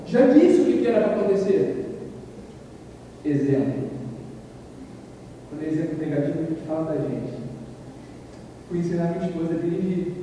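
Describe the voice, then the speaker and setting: Brief: animated male speaker, dark mellow tone, heard from far off in a reverberant hall. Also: on the high side, a little hiss or hum. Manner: animated, acts out quoted voices loudly. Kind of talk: talk to a live audience. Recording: echoey hall, far from the mic.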